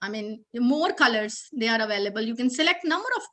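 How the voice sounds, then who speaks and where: An Indian woman runs a teacher-training demo over a video call, walking her listeners through each step and pausing to check they follow. Her voice sits high and sounds bright and sharp. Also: animated. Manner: explains patiently step by step, checks in often.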